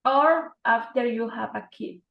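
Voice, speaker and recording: Slow, gravelly woman from Mexico. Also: on the high side, reverberant, dull audio. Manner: hesitant learner English. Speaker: student.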